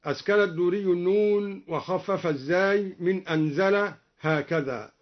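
A man explaining variant readings of the Quran, alternating plain explanation with slow melodic recitation. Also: sits high, muffled recording.

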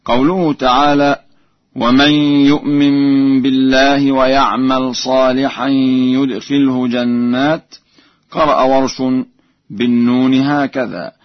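A man explains Quran reading variants in an unhurried, measured way, breaking into slow chant for each verse. The recording is dry and a little muffled. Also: medium pitch, fairly even intonation, dry recording.

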